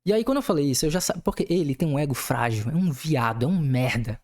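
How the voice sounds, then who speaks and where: A man's voice: fairly high pitch, animated, fast talker, a little mellow. A young man hosting a casual podcast, venting angrily about his job and swearing often. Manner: angry venting, heavy swearing. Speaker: podcast host.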